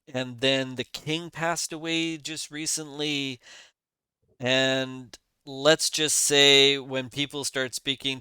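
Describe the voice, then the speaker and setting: A man voicing a gruff, cagey male dwarf shopkeeper in a tabletop game, talking in wary, conspiratorial asides. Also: medium pitch, bright, forceful tone, no room sound.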